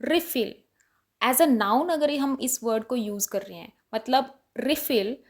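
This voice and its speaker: A young woman teaches English pronunciation, saying each example word slowly and then again. Her voice sits a little high, and she keeps an unhurried, careful pace while explaining. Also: darkish tone. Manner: repeats words slowly, contrasting stress. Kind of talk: explanatory lesson.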